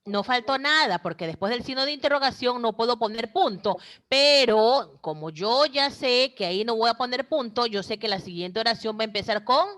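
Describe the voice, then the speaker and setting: A woman's voice: on the high side, lively intonation, moderate pace, hardly any pauses, a bit bright. A woman teacher giving an online class over a video call, explaining step by step and checking in with "¿sí?" and "¿no?".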